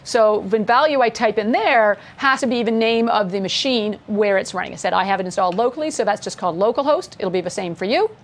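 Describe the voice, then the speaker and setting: A coding instructor with a mother from Scotland walks casually through code in a screen-share lesson. Her mid-range voice moves at a quick pace with few pauses, and she's chatty and upbeat, laughing along with her co-host.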